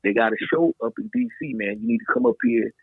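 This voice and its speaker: A middle-aged man, a guest DJ, telling a story in a loose, animated way, full of slang and fillers. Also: sits high, quick pace, vocal fry, slightly rough, no room sound. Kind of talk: casual storytelling in a podcast interview. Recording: dry, tinny phone-like sound.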